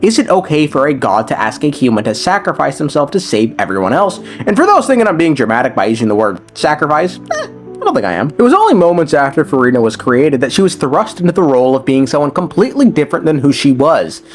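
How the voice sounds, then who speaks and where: A man's voice: fairly high pitch, sing-song, quick pace, faint music behind. A man giving casual commentary on game lore, speaking in a conversational way with slangy asides. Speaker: lore video creator.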